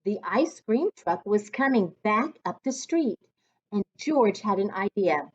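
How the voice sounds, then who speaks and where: A woman with a medium-pitched, slightly rough voice reads a children's storybook in a deliberate, expressive storytelling style, much as a reading coach would for youngsters. The sound is dull.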